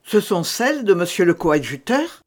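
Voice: mid-range voice, very animated, moderate pace. A reader voicing a blunt male sergeant guarding a city gate.

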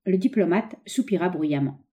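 A woman reading a novel aloud as an audiobook narrator, in a measured storytelling manner. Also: lowish voice, warm tone. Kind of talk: scripted narration.

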